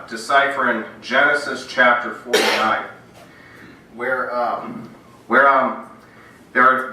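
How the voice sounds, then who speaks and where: A man's voice: mid-range voice, sharp tone. A man with a bad cough giving a casual Bible lecture to a small room, reading scripture aloud between plain remarks. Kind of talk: recorded lecture to a small audience. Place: indoor meeting room. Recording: roomy, from a distance, noisy.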